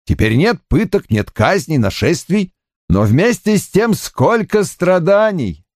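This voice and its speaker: A man's voice: high-pitched, big pitch swings, unhurried, a little mellow, no room sound, studio quality, voice pushed up, full character voice. A man voicing an idealistic young baron in an audiobook, earnest and a little pleading. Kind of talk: audiobook character reading.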